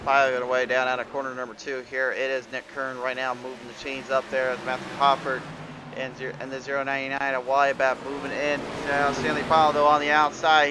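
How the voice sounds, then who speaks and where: Against a noisy background, a medium-pitched man gives live, rambling play-by-play for a racing league broadcast, peppered with fillers and restarts. This commentator is slightly under the weather, and his voice cuts out occasionally.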